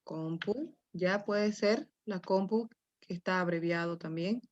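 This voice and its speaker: A woman teacher takes students through a grammar lesson at a slow, deliberate pace. She coaxes answers out of them gently and keeps checking that they follow. The recording sounds dull and lo-fi. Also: mid-range voice, steady tone. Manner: patient, coaxing, with check-ins like "¿no?" and "mi amor".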